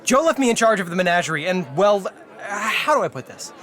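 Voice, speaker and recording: Guy playing nervous casual helper dude, high voice, hesitant n sheepish, fantasy audio drama. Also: animated, brisk, fairly bright tone, some chatter behind. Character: sheepish, anxious male menagerie helper.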